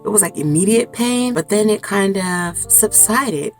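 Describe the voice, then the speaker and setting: A woman in her forties chatting to camera from inside a small clothes closet, telling a story in a chatty, expressive way. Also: medium pitch, a little slow, faint music behind. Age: 40s. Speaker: vlogger. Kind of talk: casual chat to camera.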